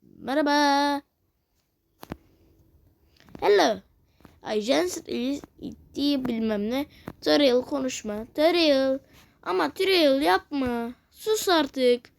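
A woman giving casual let's-play commentary, cursing, teasing and reacting loudly to the game. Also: high voice, lively intonation, takes it slowly, vocal fry, slight background noise. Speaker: gamer playing a video game.

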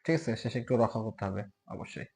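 Male recitation teacher with a Bangladeshi accent; patient drill lesson, stretched loud demo sounds. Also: mid-range voice, steady tone. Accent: Bangladeshi Bengali. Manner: repeats sounds slowly and loudly for demonstration; checks in often with "okay?". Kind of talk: recitation lesson on letter pronunciation.

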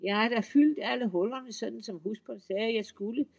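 A man's voice: very high-pitched, gravelly, husky, voice pushed up, heavily acted. A man voicing a sly young farmhand who answers politely and innocently, read in a folk-tale audiobook. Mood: dutiful. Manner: mild, polite, mock-innocent.

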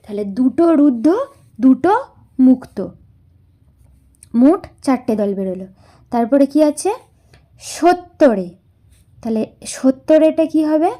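A woman's voice: high voice, animated, slow pace, pauses often, mellow. A woman teaching a class lesson, spelling words out syllable by syllable and answering her own questions.

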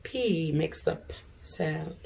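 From her living room armchair, a middle-aged teacher of elementary students conducts a read-aloud for little ones. She talks deliberately, breaks words into sounds, and quizzes the children, her low voice carrying vocal fry and a slightly mellow quality.

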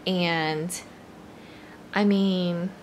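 A woman's voice: lowish voice, fairly even intonation, extremely slow, muffled recording, a little hiss or hum. A young woman talking through a home cleaning demo, chatty and casual with lots of ums and likes. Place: home living room.

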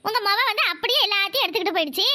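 A woman with a Kanyakumari Tamil accent voicing a sharp-tongued, complaining young village wife and mother in a cartoon. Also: extremely high pitch, animated, very fast, dry recording, studio quality, heavily acted. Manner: nagging, quarrelsome. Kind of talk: cartoon voice acting.

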